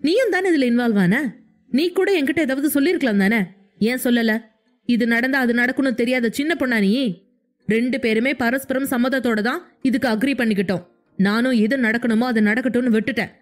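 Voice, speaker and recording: A woman's voice: a little high, a little fast, natural voice. A woman voicing an angry, hurt young husband who argues in heated, insistent questions. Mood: angry pleading.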